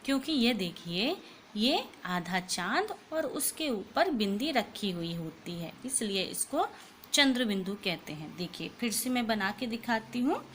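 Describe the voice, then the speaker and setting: A woman teaching a Hindi lesson to children, explaining slowly and patiently and repeating each sound. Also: a little high, very animated, fairly bright tone, slight background noise.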